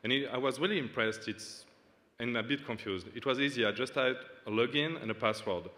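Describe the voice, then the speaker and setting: A startup founder from Switzerland stands at a lectern in a big, dim hall, giving an earnest but hesitant demo packed with fillers. His mid-range voice sounds pushed and bright, and the room adds a long reverb tail.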